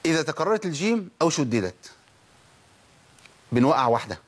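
A husky-voiced man with an Egyptian accent teaches Quran recitation at a quick clip. He fires questions at his listeners, answers them himself, and repeats letters and words to show how they should sound. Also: fairly high pitch, big pitch swings. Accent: Egyptian Arabic. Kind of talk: tajweed lesson with spoken demonstrations.

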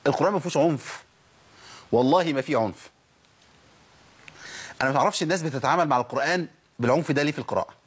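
Fast, husky Egyptian man teaching. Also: a little high. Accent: Egyptian Arabic. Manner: explains with quick questions and answers, repeats sounds to demonstrate. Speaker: Quran recitation teacher. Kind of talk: tajweed lesson with spoken demonstrations.

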